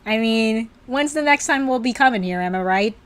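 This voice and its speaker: A woman's voice: a little high, expressive, normal speed, a bit bright. A woman streaming a retro adventure game, chatting playfully and reacting to what happens on screen. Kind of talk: playing and reading a retro adventure game live.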